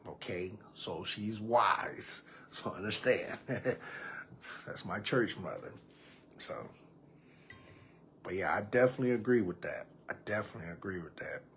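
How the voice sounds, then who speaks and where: Easygoing male podcast host, low voice. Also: a bit bright, slight background noise. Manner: casual, drawling, reads comments aloud to viewers. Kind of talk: live-stream chat reading comments. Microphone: computer or phone mic on a live stream.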